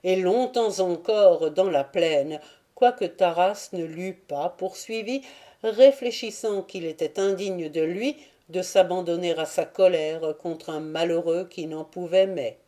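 A woman reading a classic novel aloud as an audiobook narrator, measured and steady. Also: lowish voice. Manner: slow, measured storytelling. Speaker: audiobook reader. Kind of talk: scripted narration.

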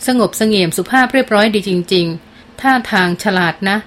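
A woman's voice: medium pitch, moderate pace, close to an everyday voice. A woman reading the lines of an easygoing, wry aunt chatting with her niece in a narrated novel. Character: easygoing single aunt, fond of dogs.

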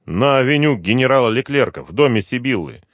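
A man's voice: medium pitch, expressive, brisk, no room sound, studio quality, pitched above the performer's own voice, close to an everyday voice. A male audiobook reader voicing a dying, desperate middle-aged former KGB officer who pleads in a strained voice and breaks into coughs. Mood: weary.

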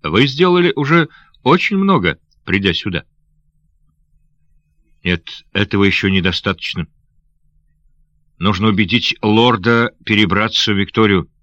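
A man's voice: lowish voice, bright, forceful tone, no echo, lo-fi sound. A man voicing a young noble lady who is anxious and loving, speaking in breathless, pleading questions.

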